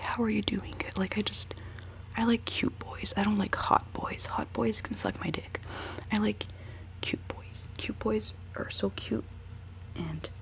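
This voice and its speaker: In a creaky, low-quality recording, a woman in her twenties with a fairly low voice whispers a rambling, giggly ASMR chat as she does her makeup.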